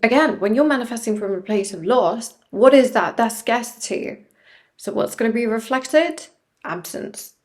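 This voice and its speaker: A woman's voice: fairly high pitch, normal speed, darkish tone. Woman in an echoey room. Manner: emphatic, direct address with rhetorical questions. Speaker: video creator giving self-development advice. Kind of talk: informal advice monologue to viewers.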